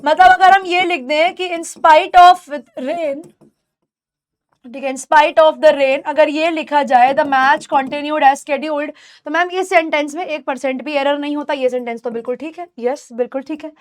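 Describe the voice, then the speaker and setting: A woman's voice: sits high, fairly even intonation, measured pace. A young woman with an Indian English accent teaching grammar in an online exam-prep lesson, explaining patiently and repeating key points to her students.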